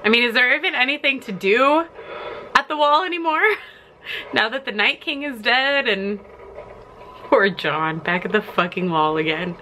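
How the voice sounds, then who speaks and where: A young woman giving a casual, emotional live reaction, excitable and prone to swearing and exclaiming. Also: on the high side, normal speed, background noise. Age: young adult. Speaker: reactor to TV episodes. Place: living room, in front of a playing television. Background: television show music.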